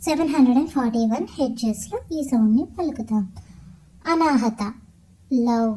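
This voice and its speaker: A woman calmly explaining meditation as a teacher, listing each point one at a time in a measured way. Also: on the high side, a little hiss or hum, rough recording. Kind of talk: calm instructional explanation of chakras.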